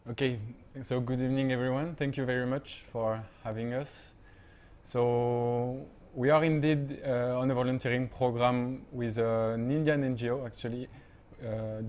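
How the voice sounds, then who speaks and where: A young man, a panel guest speaking halting English with many fillers. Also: mid-range voice, a little mellow. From France. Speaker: panel guest, volunteer teacher.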